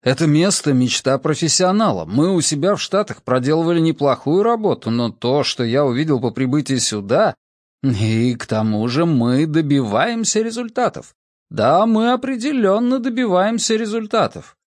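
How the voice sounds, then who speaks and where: A man's voice: fairly high pitch, expressive, a little fast, hardly any pauses, no room sound, clean studio sound. A man doing an eager doctor. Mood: enthusiastic. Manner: eager, enthusiastic. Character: enthusiastic American male doctor.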